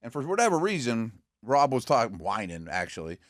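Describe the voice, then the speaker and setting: A man co-hosting a casual sports radio show in a studio, relaxed and chatty, telling stories. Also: mid-range voice, brisk, dry recording. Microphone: studio mic.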